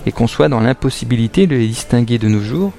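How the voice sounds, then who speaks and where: A man giving scripted narration of an audio drama in a steady storytelling manner. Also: mid-range voice, fast talker, vocal fry.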